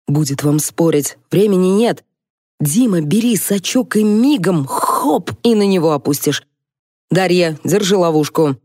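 A woman's voice: on the low side, animated, measured pace, darkish tone, no room sound, clean studio sound. A woman reading an audiobook, voicing a frantic, eccentric male ornithologist who shrieks out commands. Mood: commanding.

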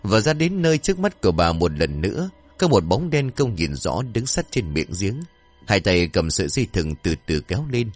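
A man narrating a horror story in a dramatic, expressive scripted reading. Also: deep voice, normal speed, faint music behind.

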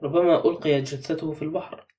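A blunt, suspicious middle-aged man, as a male narrator reads him. Quick, dark and mellow in tone. The mic is set back a little. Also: a little high, fairly even intonation, far from the mic, natural voice.

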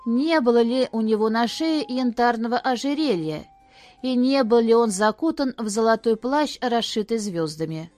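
A woman's voice: a little high, animated, normal speed, a little mellow, no room sound, faint music behind, natural voice. A woman voicing a grieving beggar mother who pleads tearfully in a storybook reading. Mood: urgent. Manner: pleading, sobbing.

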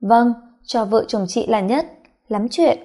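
A woman voicing a middle-aged mother-in-law who is gruff and curt but caring. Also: fairly high pitch, takes it slowly, dark tone.

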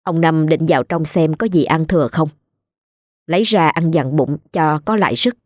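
Low-voiced woman narrator. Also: moderate pace, a little mellow, no echo, studio quality. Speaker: storyteller. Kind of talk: scripted ghost-story narration.

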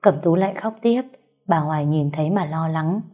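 Low, husky woman reading a novel. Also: moderate pace, faint music behind. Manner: even, storytelling. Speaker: audiobook narrator.

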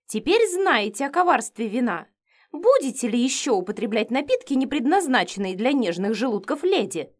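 A woman reads a stout older cook, kindly yet strict, who lectures in a folksy, matter-of-fact way. Her pitch rises and falls freely, sitting a little high for a woman. This is a storybook voice. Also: big pitch swings, normal speed. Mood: admonishing.

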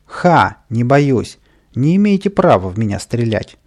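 A man voicing a mischievous small male imp in a children's storybook, shrill and boastful, sliding into whining. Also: animated, moderate pace, mellow, lightly acted. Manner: shrill, boastful then whimpering.

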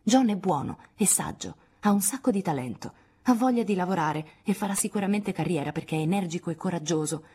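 A woman's voice: fairly low pitch, animated, fairly quick, warm tone, breathy edge, pitched above the performer's own voice. A woman voicing a proud, resolute young woman, speaking firmly and with indignation in an audiobook. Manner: indignant, firm, spirited. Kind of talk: audiobook dialogue reading.

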